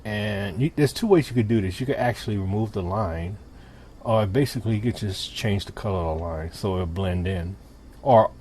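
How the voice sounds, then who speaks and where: A low-voiced man narrates a casual software tutorial, talking through each step as he demonstrates in an easy, conversational manner. Clear, steady background noise can be heard behind him.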